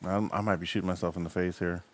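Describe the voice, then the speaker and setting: A man's voice: low-pitched, flat delivery, fast talker. A man co-hosting a podcast in casual chat, teasing and slangy. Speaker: podcast co-host.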